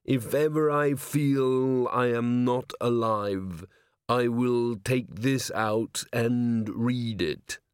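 A huge, solemn and literal-minded male golem is voiced in an audiobook by a man with a clear, resonant, medium-pitched voice. His wording is formal, deliberate and ponderous, and the studio-quality recording has no room sound.

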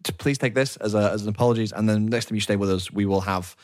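A man's voice: lowish voice, steady tone, fast, natural voice. A man voicing a meek human receptionist who stammers and apologizes. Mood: flustered.

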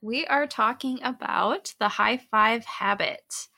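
A woman's voice: fairly high pitch, slow, gravelly. A young woman co-hosting a casual podcast, telling stories animatedly and acting out her children's voices. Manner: animated storyteller, acts out her kids' voices. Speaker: podcast co-host. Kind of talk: casual chat, storytelling.

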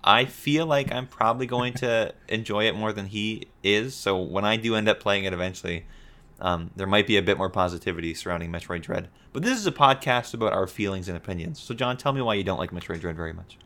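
A young man hosts a casual podcast with a playful, joking manner. His voice sits a little low but sounds bright and forward. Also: fairly quick. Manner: playful, jokey, slips into a mock newscaster cadence. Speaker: podcast co-host. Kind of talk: casual chat.

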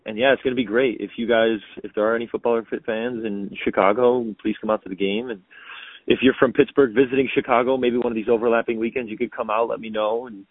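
A man in his thirties, a pro soccer player talking as a podcast guest, halting and repeating words as he thinks. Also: mid-range voice, fairly even intonation, no room sound. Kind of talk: casual podcast interview. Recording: tinny phone-like audio, dry.

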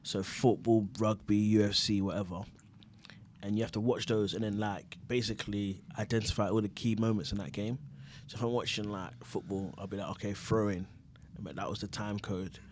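A young man speaks in a London roadman accent, full of street slang and tag questions. He is a podcast guest telling stories in a casual, chatty way. There is clear background noise in the room. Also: on the low side, steady tone, fairly quick, a little mellow. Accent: London, urban roadman slang style. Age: young adult. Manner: slangy street talk with frequent "innit". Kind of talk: casual interview chat, telling anecdotes.

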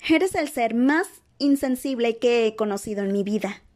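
A woman's voice: on the high side, moderate pace, a little mellow, pitched above the performer's own voice, close to an everyday voice. A woman voicing a clever, bossy teenage schoolgirl in a dramatized audiobook reading, earnest and patiently explaining. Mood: matter-of-fact.

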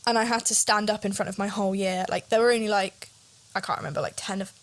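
A woman's voice: mid-range voice, fairly even intonation, fast. A young woman co-hosting a chatty podcast, nervous and prone to rambling. She talks in long, self-aware trains of thought, catching and correcting herself as she goes. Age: young adult. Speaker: podcast co-host. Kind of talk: casual chat.

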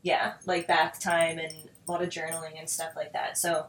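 A woman's voice: low voice, completely flat delivery, normal speed, reverberant, slight background noise. A woman co-hosting a casual chat podcast, easygoing and playful, often laughing. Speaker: podcast co-host. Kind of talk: casual chat about astrology.

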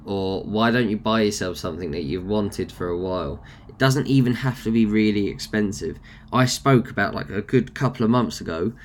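A man's voice: lowish voice, moderate pace, slight background noise. A young man with a nasal voice, hosting a casual motivational rant and speaking bluntly with frequent swearing. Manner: blunt, swears freely, chatty. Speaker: podcast host.

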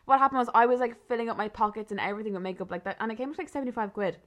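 A woman's voice: on the high side, very fast. A young Irish woman in her twenties, co-hosting a podcast and telling a story in casual chat, laughing and rambling as she goes. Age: 20s. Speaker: podcast co-host.

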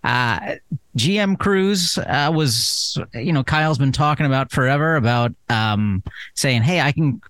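A man's voice: medium pitch, a bit bright, smooth, dry recording. Joking male podcast host, dry sound. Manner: joking, quick, teasing. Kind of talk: casual panel chat.

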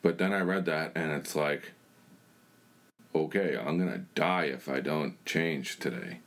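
A man's voice: very deep voice, unhurried, vocal fry, fairly bright tone. A young man giving a blunt, plain-spoken personal testimony in a conversation. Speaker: church member sharing his testimony.

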